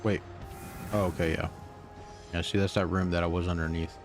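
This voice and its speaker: A young man with a very low voice, streaming a game live and chatting in a loose, rambling way. He sounds tired, and faint game music plays behind him. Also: level tone, normal speed. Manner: rambling, laid-back, lots of fillers. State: tired, yawning. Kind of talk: casual live-stream commentary.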